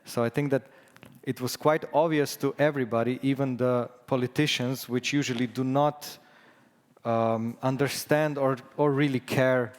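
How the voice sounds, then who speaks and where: A Slovenian man presents at a conference in English, his second language, with a Slovenian accent. He speaks at an even middle pitch, hesitating often with fillers and restarts. His voice carries the long reverb of a conference hall. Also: normal speed.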